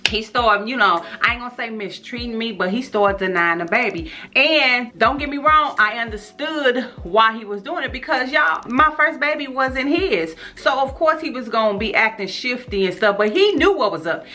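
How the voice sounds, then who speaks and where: A woman, telling her life story to her viewers in an animated, slangy way. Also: a little high, normal speed, hardly any pauses. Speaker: vlogger. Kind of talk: storytime vlog.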